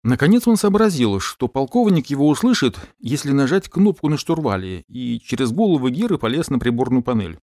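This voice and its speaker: A man narrating an audiobook, telling the story expressively and giving the characters lively voices. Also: mid-range voice, fairly quick, hardly any pauses, dry recording, studio quality.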